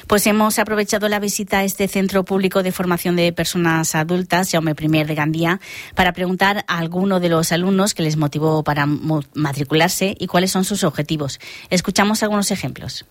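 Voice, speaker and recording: A woman the reading local radio news in a clear, measured way. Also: lowish voice, fairly even intonation, dry recording. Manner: clear, measured newsreader delivery. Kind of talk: read local news bulletin. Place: radio studio. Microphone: studio microphone.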